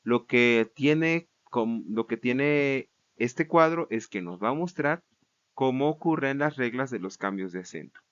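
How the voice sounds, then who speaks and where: A man's voice: medium pitch, expressive, unhurried, highs cut off. A man giving a recorded grammar lecture, explaining patiently, repeating words and checking in with the class as he goes. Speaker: Greek grammar teacher.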